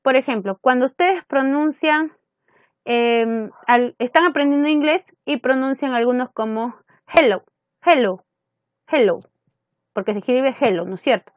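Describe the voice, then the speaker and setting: A woman's voice: high-pitched, moderate pace, dry recording. Peruvian lady teacher going through quiz answers, asks stuff n answers it herself, kinda muffled dry sound. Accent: Peruvian Spanish. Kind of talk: recorded classroom lesson.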